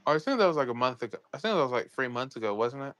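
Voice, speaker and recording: A man's voice: mid-range voice, sing-song, very fast, fairly bright tone, no echo. A young man chatting casually on a livestream, rambling and restarting his sentences, with some swearing. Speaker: co-host, story creator.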